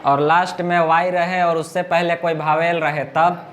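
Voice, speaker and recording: A male teacher, teaching grammar in class, repeating words slowly and often asking his students whether they understood. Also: fairly high pitch, level tone, a crowd in the background.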